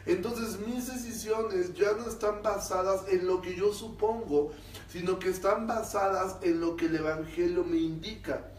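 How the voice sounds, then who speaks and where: High-voiced Mexican pastor in echoey room. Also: male voice, fairly even intonation, a little slow, darkish tone, far from the mic, slight background noise. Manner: explanatory, keeps checking in with the class. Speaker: pastor teaching a Bible class. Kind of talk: Bible class teaching. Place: church meeting room.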